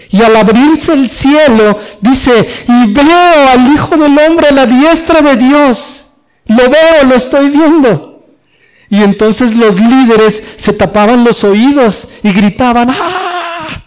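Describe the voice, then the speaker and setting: High-voiced male pastor preaching. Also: a little mellow. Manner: reads scripture then explains it, rising emphatically on quoted questions. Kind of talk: expository sermon.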